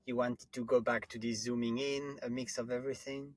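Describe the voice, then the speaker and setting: A man's voice: medium pitch, level tone, fairly quick, no room sound. Podcast host guy, mid voice, dead dry room, stacks up questions. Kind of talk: casual interview questions.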